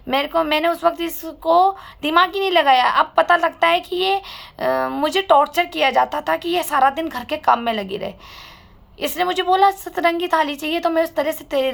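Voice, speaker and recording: A woman's voice: sits high, creaky, fairly bright tone. A woman recounting her own hard life story to listeners, aggrieved and bitter. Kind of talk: emotional personal testimony.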